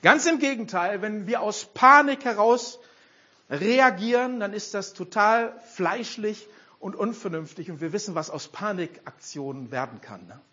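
An older man preaching a sermon, animated and throwing rhetorical questions at the congregation. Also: high-pitched, unhurried. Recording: dull lo-fi sound.

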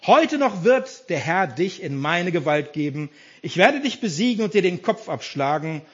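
A man's voice: sits high, sing-song, normal speed, slightly rough, lo-fi sound, full character voice. A man voicing the young shepherd hero David, who calls back a bold, defiant declaration of faith.

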